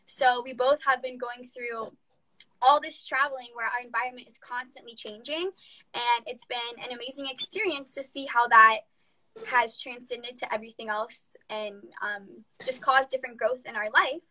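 A woman's voice: fairly high pitch, fairly even intonation, normal speed, pushed and bright, rough recording. A young woman co-hosting a casual live chat, upbeat and asking her audience questions. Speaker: podcast co-host.

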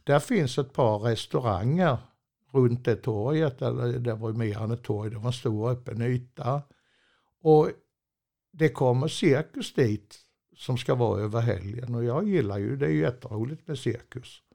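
A man's voice: medium pitch, gravelly, warm tone. An older man, a former truck driver, telling a long anecdote in a chatty, meandering way, with many fillers and restarts and frequent chuckles. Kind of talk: rambling anecdotal storytelling.

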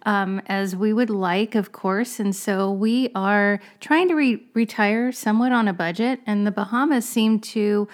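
A woman's voice: medium pitch, measured pace, few pauses. A woman in her fifties with a mid-range voice co-hosts a podcast interview. She is chatty and upbeat and talks directly to the listeners. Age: 50s. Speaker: podcast co-host.

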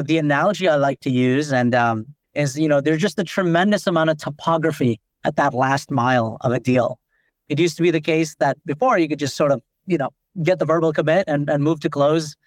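Guesting on a business podcast, a Nepali founder and CEO lays out his ideas while leaning heavily on the filler "like." He speaks in a slightly high voice, recorded dry and close with no room echo.

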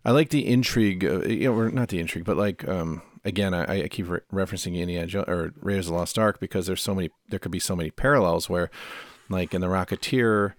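A man's voice: deep voice, fast talker, hardly any pauses, no room sound, studio quality. A man co-hosting a casual film review chat, rambling with fillers and restarts. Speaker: podcast co-host.

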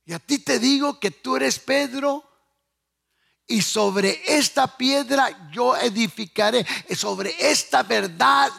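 This sermon comes from a man with a very high, husky voice full of vocal fry, speaking slowly. He is emphatic, goes over his points again and again, asks if his listeners hear him, and sometimes shouts or half-sings lines.

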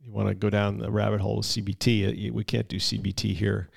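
A man with a somewhat low, gravelly voice co-hosts a podcast about recovery. He chats loosely, now and then reads from notes and tells jokes. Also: level tone, fast talker. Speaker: podcast co-host. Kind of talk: casual recovery podcast chat.

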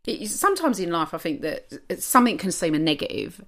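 An older East London woman co-hosting a chat podcast, her voice sitting a little low. She talks in an earthy, self-mocking way and laughs easily. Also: big pitch swings, fast. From East London, England. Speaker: podcast co-host. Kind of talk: casual chat.

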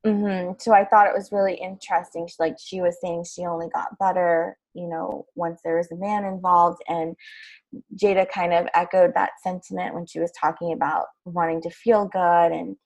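A woman with a lowish, husky, gravelly voice, co-hosting a podcast. She talks in a chatty, easygoing way and laughs easily. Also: little pitch movement, normal speed, darkish tone, low-quality recording. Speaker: podcast co-host, clinician. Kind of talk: casual podcast discussion.

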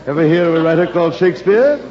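An actor playing a pompous, patronizing older thespian with declamatory delivery in 1950s radio comedy. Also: male voice, a little high, lively intonation, fast talker, crowd noise, natural voice. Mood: insistent. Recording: muffled, very noisy old radio recording.

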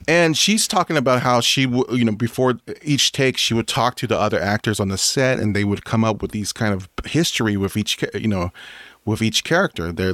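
A man's voice: lowish voice, a bit bright, dry recording. A man co-hosting a movie review chat, talking in a rambling way with many restarts. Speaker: podcast co-host reviewing movies. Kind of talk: casual chat.

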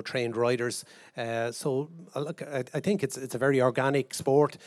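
An Irishman with a hesitant, halting way of talking, answering questions in a live interview. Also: medium pitch, no echo. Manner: hesitant, halting, frequent pauses.

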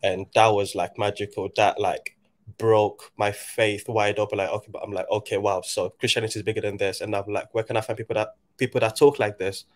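A man in his late twenties who grew up in Nigeria speaks in a fairly low voice during a relaxed, casual conversation. He is reflective and halting, frequently restarting sentences as he works through his ideas.

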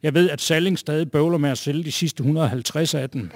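Middle-aged man, live storytelling, self-mocking, slightly high voice, dry sound. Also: dry recording.

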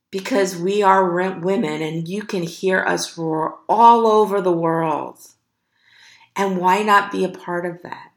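A woman hosts her own podcast, speaking slowly and earnestly to encourage her listeners. Her voice sits low with a gravelly fry. The recording has a noticeable roomy echo. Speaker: podcast host. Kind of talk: motivational podcast monologue.

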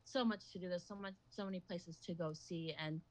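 A woman's voice: lowish voice, fairly even intonation, fairly quick, darkish tone. A middle-aged woman from the Philippines who grew up in Hawaii, a restaurant owner talking casually as an interview guest, reflective and full of "you know" and restarts.

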